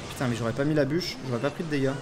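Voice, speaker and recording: A young man commentating his own mobile strategy game, swinging between low muttering and loud, swearing outbursts. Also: rapid-fire. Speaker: gaming YouTuber. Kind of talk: live gameplay commentary. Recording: faint game music behind.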